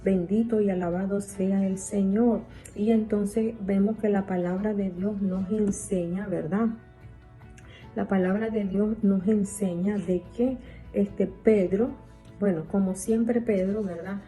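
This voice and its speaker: A woman delivers a sermon in a very dark, mellow voice. She stacks repeated phrases for emphasis and keeps checking in with her listeners. Soft music plays faintly behind her. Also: medium pitch, steady tone, unhurried, rough recording. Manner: repetitive, emphatic preaching with tag questions. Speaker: preacher.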